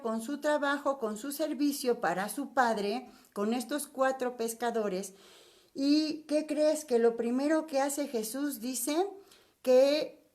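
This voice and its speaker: An older woman with a Mexican accent teaches a Bible study lesson in a chatty manner, asking her listeners rhetorical questions. Her voice is high with a darkish tone.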